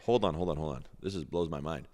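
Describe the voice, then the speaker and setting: Low-voiced guy hosting a podcast, curious and chatty, lots of echo trailing off. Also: quick pace, darkish tone. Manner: curious, repeats words, lots of short reactions. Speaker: podcast host. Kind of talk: conversational interview.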